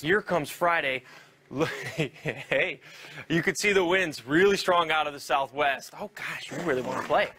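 A man's voice: high voice, bright, forceful tone, slight background noise. A man giving a live TV weather forecast, distracted and chuckling between phrases. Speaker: TV weather presenter. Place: TV studio at weather map.

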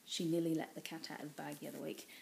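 Talking very fast and flatly, an English crafter in her thirties rambles with lots of ums on her home cross-stitch vlog. Her low, dark voice has vocal fry, and the rough recording from a close built-in webcam mic in a small room carries a little hiss or hum.

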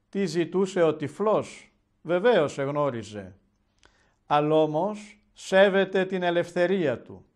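A man, an Orthodox bishop, preaching a televised Gospel sermon in a measured, solemn storytelling manner. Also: fairly high pitch.

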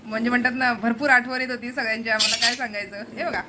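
A woman's voice: fairly high pitch, fairly even intonation, quick pace, heavy background noise. A woman from the Konkan in India, chatting casually and rambling to her viewers in a home vlog, laughing often. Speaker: vlogger.

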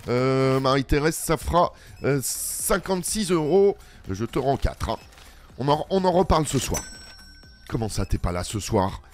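A man's voice: medium pitch, big pitch swings, normal speed, soft background music. A man playing a shop game, chatting as a cashier with customers and an unheard boss. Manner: playful, talks back to unheard boss and customers. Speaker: let's play gamer. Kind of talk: improvised role-play commentary.

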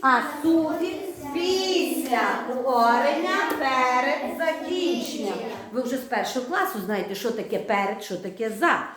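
High-voiced woman teaching primary school. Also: animated, a loud crowd. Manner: instructive, patient, drawn-out dictation. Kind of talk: online class lesson. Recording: echoey room, faint noise.

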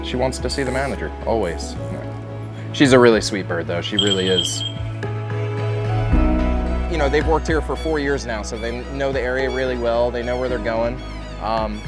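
A middle-aged man working as a falconer, talking casually in an interview outdoors on a seaside boardwalk, relaxed and conversational. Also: medium pitch. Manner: relaxed, conversational with frequent "you know".

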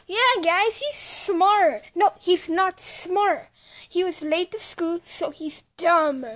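A woman performing an improvised toy skit, voicing every part herself and switching quickly between characters with playful exclamations. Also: very high voice, fairly bright tone.

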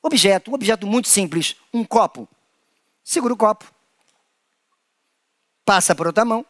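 Brazilian man, children's performer, high voice, dry close sound. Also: normal speed, no room sound. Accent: Brazilian Portuguese. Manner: animated, playful, acts out creatures in squeaky high voices. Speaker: children's performer leading a hand-play workshop. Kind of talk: playful children's lesson with acted little voices.

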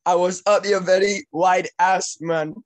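Speaking at a measured pace with fairly even intonation, this high-pitched teenage boy makes prank calls from a small room in his home. His banter is casual, crude and full of swearing.

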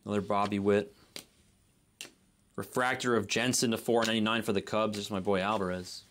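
A man's voice: on the low side, fairly even intonation, a little fast, a bit bright, slight background noise. A man hosting a live card break, giving easygoing running commentary and second-guessing how to pronounce names. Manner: easygoing running commentary, unsure of name pronunciations.

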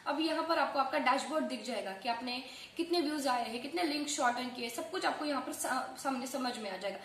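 Woman tutorial host, quick casual patter with English phrases mixed in, high voice, roomy echo. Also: fairly bright tone. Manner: fast-talking, mixing English phrases into her speech. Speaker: online earning tutorial host. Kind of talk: casual tutorial talk to viewers. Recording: echoey room with faint background noise.

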